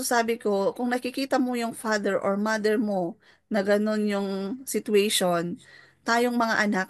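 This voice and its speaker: A woman's voice: medium pitch, no room sound. A middle-aged woman with a Filipino accent sharing a personal testimony as a mentor, politely mixing English into her talk and checking in with listeners. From Philippines. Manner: mixes English into Tagalog, polite, tag questions to listeners.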